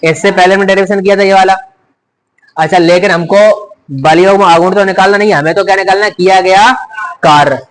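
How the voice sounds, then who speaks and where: High-voiced man quizzing his class. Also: fairly even intonation, fairly quick, a little hiss or hum, rough recording. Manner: keeps asking rhetorical questions and repeating key terms. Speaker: physics teacher. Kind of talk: classroom lecture.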